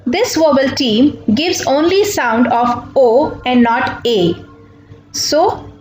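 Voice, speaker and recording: A woman's voice: sits high, takes it slowly, darkish tone. A woman teacher giving a careful spelling lesson, spelling words out letter by letter. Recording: echoey room with faint music.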